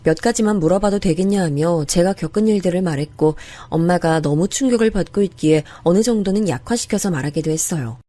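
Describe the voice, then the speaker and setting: Woman telling her own story, earnest and confiding, low mellow voice, dry sound. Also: brisk, hardly any pauses, no room sound. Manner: earnest, confiding first-person retelling. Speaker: narrator of a true-story drama. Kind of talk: scripted first-person storytelling.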